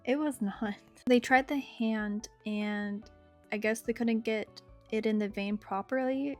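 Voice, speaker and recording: A young adult woman telling a personal story in a casual, chatty, conversational way. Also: on the high side. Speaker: storyteller narrating own experience. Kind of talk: casual story time narration. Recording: guitar music behind the voice. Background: guitar music.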